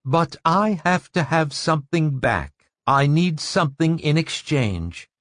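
A man voicing an intense, fanatical young widow with a hard, thin, brittle voice, pitched well above his own. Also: expressive, a little slow, a bit bright, no echo, studio quality. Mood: cold, insistent.

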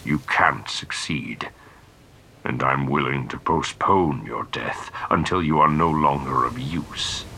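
A man voicing a desperate male Sith high lord whose helmet gives his voice a droning sound, often hushed and whispery. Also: slow, creaky, slight background noise, full character voice. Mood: menacing hush. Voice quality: droning through a helmet voice box. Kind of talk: audiobook character voice.

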